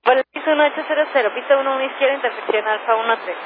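A woman's voice: high-pitched, very fast. A woman working as an air traffic controller, giving clipped, formal instructions over a two-way radio transmission. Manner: clipped, formal, even delivery. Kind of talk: radio phraseology. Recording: tinny radio with static hiss.

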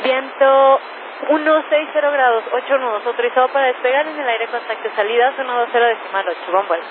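A woman's voice: sits high, quick pace. A woman working as an air traffic controller, giving clipped, formal instructions over a two-way radio transmission. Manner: clipped, formal, even delivery. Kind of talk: radio phraseology. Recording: tinny radio with static hiss.

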